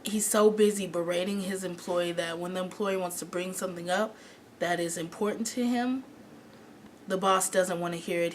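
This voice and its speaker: Lower-voiced woman presenting examples. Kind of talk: explanatory presentation. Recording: faint background noise.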